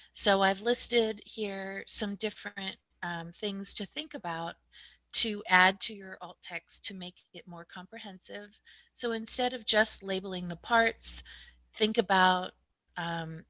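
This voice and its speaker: Woman, explanatory presenting, bright forceful voice, fairly low, dry sound. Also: no room sound, poor audio.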